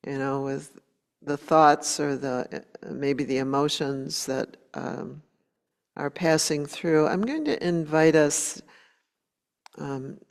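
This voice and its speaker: A woman meditation teacher guides a meditation gently and without hurry, leaving long pauses between short phrases. Her voice is low-pitched with vocal fry, and the recording carries a long hall reverb.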